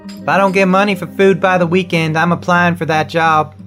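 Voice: mid-range voice, fairly even intonation, brisk, a bit bright, close to an everyday voice. A bitter, defiant frontier wife, as a performer puts her on. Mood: weary. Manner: weary, bitter, pushes back hard. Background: guitar music.

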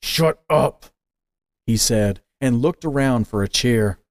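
A male storyteller reading a scripted story at a very unhurried, deliberate pace. His voice is mid-pitched and steady. The recording is dry and close, with no room sound. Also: no echo. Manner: slow, measured, deliberate. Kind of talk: scripted narration of an audio story.

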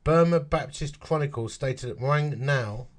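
This man's voice is on the high side and unhurried, with an Essex accent. He reads a history article aloud, pausing for chatty remarks and working through dates and numbers aloud.

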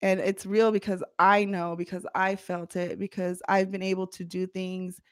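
A woman's voice: medium pitch, little pitch movement, normal speed, smooth, no room sound, studio quality. A middle-aged woman guesting on a casual podcast, blunt and profane, laughing often. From United States, parents from Guatemala. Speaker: podcast guest, practicing witch.

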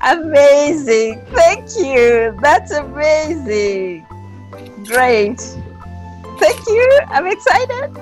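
A woman with a high, lively voice gives short, eager replies. She speaks slowly and leaves pauses between words. Faint music plays behind her. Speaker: prize winner.

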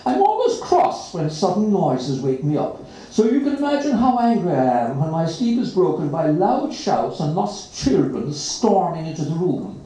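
Very expressive story reader, echoey room. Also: medium pitch, normal speed, few pauses. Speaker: reader at an open mic. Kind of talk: reading a children's story aloud. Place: live reading event.

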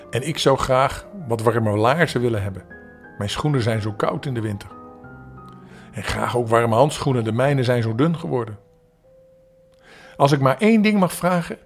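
An older man voicing a poor, hopeful eight-year-old boy in a storybook, his voice lifted higher. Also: natural voice.

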